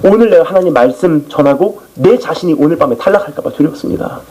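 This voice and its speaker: Male missionary preacher, lively sermon delivery, somewhat high and husky. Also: quick pace, low-quality recording. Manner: animated storytelling testimony. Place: church.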